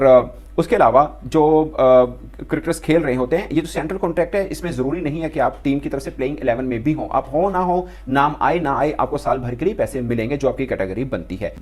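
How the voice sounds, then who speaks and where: A man's voice: mid-range voice, a little mellow. A man explaining cricket contracts point by point. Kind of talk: explanatory commentary.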